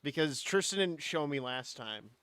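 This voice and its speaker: A man's voice: a little high, animated, moderate pace, fairly bright tone, smooth. Profane young man streaming a game. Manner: profane, teasing, talks to chat. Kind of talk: casual gaming chat with friends.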